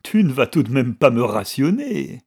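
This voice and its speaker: A man voicing a brutish, hard-drinking male card player, gruff and blunt. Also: mid-range voice, slow. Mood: offhand. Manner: gruff and blunt, loud when crossed.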